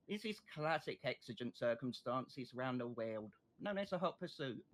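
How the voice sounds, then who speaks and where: A man playing a state prosecutor in an online courtroom role-play, making a passionate, deliberate closing argument. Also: on the high side, a bit bright, rough recording.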